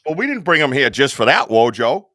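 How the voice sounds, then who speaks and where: A man hosting a casual live stream, chatty and excitable, laughing often and swearing casually. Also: mid-range voice, a little fast. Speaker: podcast host on a live stream.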